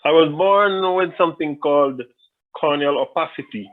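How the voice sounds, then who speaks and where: A Jamaican interview guest speaks at normal speed in a fairly high voice. He considers his answers carefully, often restarting sentences and repeating words, and the sound comes through thin, like a phone line.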